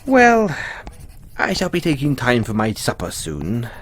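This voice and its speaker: Here a man performs a polished playwright character in a solo audio roleplay, with huge pitch swings and a genial air. His speech is stretched and theatrical, sinking low each time he says "dear boy."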